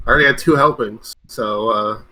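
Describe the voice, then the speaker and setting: A man's voice: fairly low pitch, a little fast, bright, forceful tone. A man playing a tabletop game, talking in a dry, wry way and sometimes speaking in character. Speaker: player. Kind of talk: casual tabletop game chat, partly in character.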